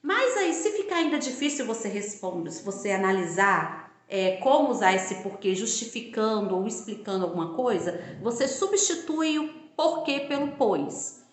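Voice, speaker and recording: Lively, echoey woman teaching grammar. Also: medium pitch. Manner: explains slowly, repeating example sentences and checking with "tá?" and "certo?". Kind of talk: classroom-style grammar lesson.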